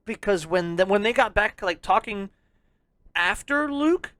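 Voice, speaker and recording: An excitable podcast co-host rambles through a casual chat, swearing freely. The voice sits at a middle pitch and comes across close and dry, with no room sound around it. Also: normal speed, no echo.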